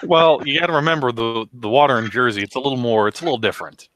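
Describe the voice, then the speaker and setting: A man's voice: mid-range voice, fast talker, fairly bright tone, no room sound. A man co-hosting a casual livestream, trading dry jokes and explaining things at length. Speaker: livestream co-host. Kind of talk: casual chat.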